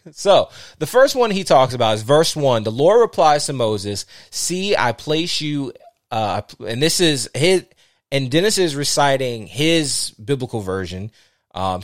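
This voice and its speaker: A man's voice: mid-range voice, dry recording. Male podcast host, casual scripture reader, trips over words and fixes them, dry close sound. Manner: stumbles and corrects himself while reading aloud. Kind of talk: casual Bible reading with commentary.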